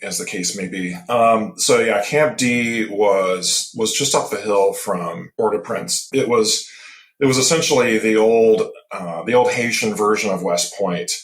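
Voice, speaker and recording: A man in his fifties from Michigan talks as a podcast guest, with a fairly low voice. He tells his stories reflectively and pauses often to find the next words. The room around him sounds noticeably echoey. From Michigan, USA. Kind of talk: casual interview. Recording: roomy echo.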